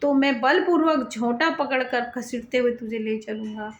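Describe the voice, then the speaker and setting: Woman reading a boastful, brutish demon general, threatening, high voice, roomy echo. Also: normal speed, highs cut off, close to an everyday voice.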